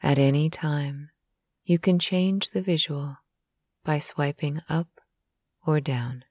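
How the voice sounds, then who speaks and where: A woman reading a guided sleep hypnosis in a slow, soothing, soft manner, with some phrases whispered. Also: low-pitched, fairly even intonation, husky, dry recording, studio quality.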